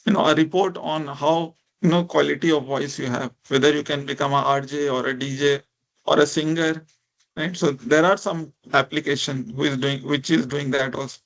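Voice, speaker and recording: This lecturer speaks in a slightly high, steady voice with vocal fry and a bit of brightness, at normal speed. A speech technology researcher from India whose first language is a minority Indian language, he teaches an interactive online class in Indian-accented English, warm and informal, repeating "right?" and "you know." The audio is muffled.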